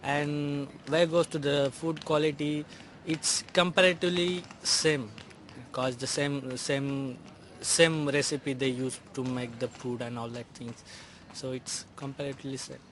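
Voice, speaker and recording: A man's voice: mid-range voice, fairly even intonation, a little slow, fairly bright tone, slight background noise. A man from India, answering street interview questions hesitantly with many fillers and restarts.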